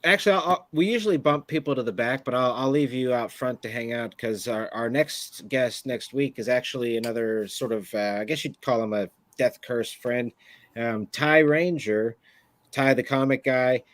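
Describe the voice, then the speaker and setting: Male host, mid-pitched, easygoing and halting with fillers, dry close mic. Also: no room sound. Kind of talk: casual show sign-off.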